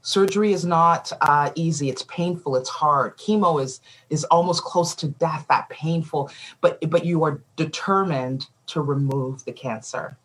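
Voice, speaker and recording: A woman's voice: low-pitched, a little slow, hardly any pauses, low-quality recording. A woman speaking passionately to an audience in a room. She talks in a conversational way and repeats phrases for emphasis. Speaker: speaker addressing a gathering on allyship. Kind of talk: passionate live talk to an audience.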